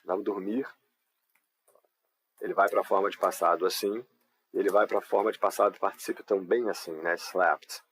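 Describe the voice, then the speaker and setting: A man's voice: low-pitched, fairly even intonation, moderate pace, long pauses, a bit bright, rough recording. A man with a Brazilian Portuguese accent teaching an English class live online, explaining patiently and often checking in with his students. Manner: patient, explanatory, frequent tag questions.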